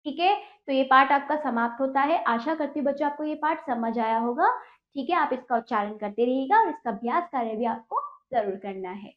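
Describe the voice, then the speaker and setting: A woman's voice: high-pitched, expressive, a little fast. A woman teacher reading a children's lesson aloud, saying each word twice before the whole line. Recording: dull lo-fi audio.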